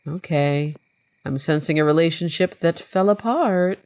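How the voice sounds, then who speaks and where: A woman's voice: low voice, measured pace, a little mellow. Chatty, slightly congested woman gaming. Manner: chatty, self-mocking, often laughing. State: slightly congested from a recent cold. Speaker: gameplay video host. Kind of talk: casual let's-play commentary, reading game text aloud.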